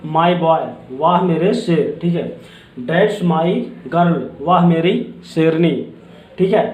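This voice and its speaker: Man, fairly high voice, unhurried, grammar teacher, keeps checking in after each point. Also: darkish tone. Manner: explains slowly, repeats "ठीक है" after each point. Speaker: English teacher. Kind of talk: spoken grammar lesson. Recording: echoey room.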